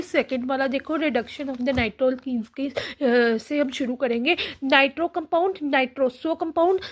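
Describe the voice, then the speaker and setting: A woman tutor giving a casual online chemistry lesson, reading lines slowly and repeating each step. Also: sits high. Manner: reads textbook lines slowly, repeats steps, many fillers.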